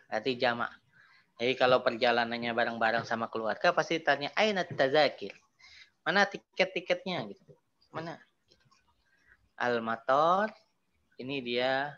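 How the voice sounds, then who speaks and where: A man's voice: mid-range voice, lo-fi sound. Man teaching Arabic over a video call. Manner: explains patiently, repeats terms, lively emphasis on Arabic words. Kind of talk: online class explanation.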